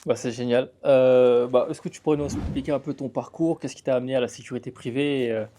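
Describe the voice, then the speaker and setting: Brief: male interviewer, mid pitch, easygoing and friendly, lots of fillers. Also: steady tone, fast, warm tone, a little hiss or hum. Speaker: interview host. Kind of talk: casual interview.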